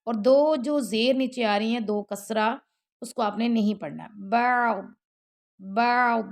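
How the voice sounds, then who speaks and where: A woman teaching Quran recitation, switching between slow drawn-out chanting and quick spoken explanations. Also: on the high side, a little mellow. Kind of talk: tajweed recitation lesson.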